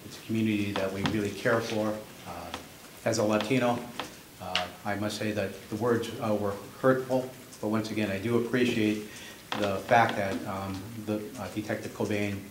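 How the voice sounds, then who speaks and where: A man giving a press statement as a police official, firm and emphatic but halting. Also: lowish voice. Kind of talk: semi-prepared press statement. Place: press conference room. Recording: echoey room with clear background noise.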